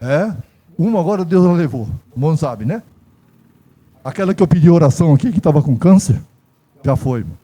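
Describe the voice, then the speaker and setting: A man's voice: a little high, lively intonation, fairly quick, long pauses, dark tone. An older man preaching a folksy sermon in a church with a Brazilian accent, telling stories and repeating himself. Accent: Brazilian Portuguese.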